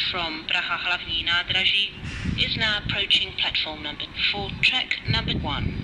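High voiced guy announcing trains, formal and measured, noisy station speakers. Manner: measured, formal, segmented phrasing. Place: train station, over public address. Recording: noisy station loudspeaker recording.

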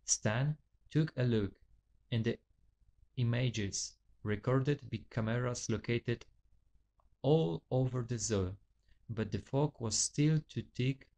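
A man reading his own novel aloud, halting often and correcting his own stumbles. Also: mid-range voice, gravelly, a little mellow. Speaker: author.

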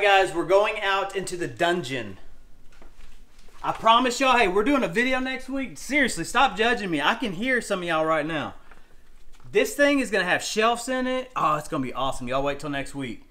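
A man in his thirties with a Texan accent, chatting excitedly to camera as he shows off storage unit finds, saying "y'all" and "look" a lot. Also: high-pitched, slight background noise. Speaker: storage unit reseller vlogger. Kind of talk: casual chat to camera. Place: home room, then cluttered garage indoors.

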